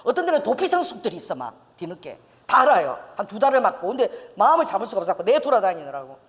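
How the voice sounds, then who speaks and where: An older woman pastor telling a lively testimony in a sermon, laughing and acting out quotes. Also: mid-range voice, rapid-fire, in a large hall. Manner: storytelling with laughs and acted quotes. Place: church sanctuary.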